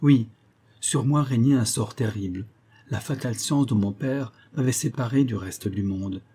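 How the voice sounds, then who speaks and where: A man voicing a tender young woman raised among poisonous flowers, speaking softly and pleading in a raised voice. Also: moderate pace, slightly rough, natural voice. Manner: soft, pleading, raised pitch.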